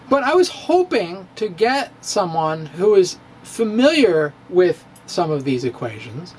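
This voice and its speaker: This is a middle-aged physics blogger with a high voice, giving a playful, theatrical reading of his own blog with chuckles and asides. He sits indoors in a home study with bookshelves, recorded close on a studio microphone on a stand, with a little hiss or hum in the background.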